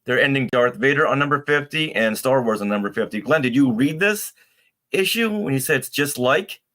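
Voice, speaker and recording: A man with a bright, forward voice co-hosts a casual live stream. He chats in a playful, bantering way and reacts to viewer comments as he goes. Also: mid-range voice, animated, a little fast. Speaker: co-host of a fan live stream.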